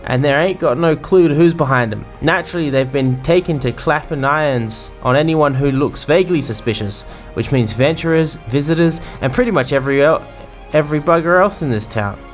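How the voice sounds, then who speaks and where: A man's voice: a little high, a little fast, faint music behind, voice pushed up, close to an everyday voice. A man voicing a boisterous, bawdy male sailor innkeeper in a put-on English pirate accent, full of salty slang. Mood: jovial. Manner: salty slang, rambling banter.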